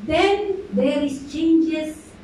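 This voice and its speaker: High-voiced woman pastor preaching. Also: extremely slow, a little mellow, slight background noise. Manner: preaching with call-and-response amens, mixing English in. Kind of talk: sermon. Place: church hall. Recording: echoey hall, voice from far off.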